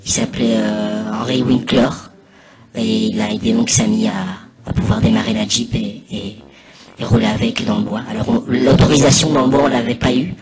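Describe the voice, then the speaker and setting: A man giving a casual, improvised mock commentary over video, rambling hesitantly and pausing mid-sentence. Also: medium pitch, steady tone. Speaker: narrator of a spoof anonymous behind-the-scenes testimony. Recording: voice over loud music. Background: loud music.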